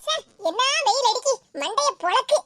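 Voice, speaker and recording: A woman's voice: extremely high pitch, expressive, moderate pace. A woman voicing a self-pitying, grumbling farm animal tied at a doorstep in a cartoon, with a Tirunelveli Tamil accent. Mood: sulky. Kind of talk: cartoon voice acting.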